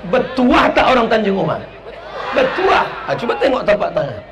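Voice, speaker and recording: A man's voice: extremely high pitch, wildly swooping pitch, normal speed. A man gives a humorous public sermon at a large open-air gathering, often drawing call-and-response from the audience. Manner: jokey call-and-response with the crowd. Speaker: preacher. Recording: echoey PA sound with crowd noise.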